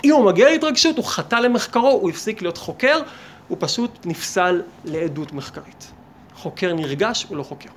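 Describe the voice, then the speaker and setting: A man, a rabbi, giving a lively Torah lesson, firing rhetorical questions at his listeners and acting out imagined conversations. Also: high voice, a little hiss or hum. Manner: animated, asks many rhetorical questions and acts out imagined dialogues. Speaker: rabbi teaching a class.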